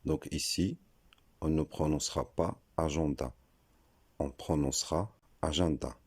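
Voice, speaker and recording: A man giving a scripted lesson on French pronunciation, slowly spelling out words letter by letter. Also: very deep voice, a little mellow, husky. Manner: slow, deliberate, spells out letters.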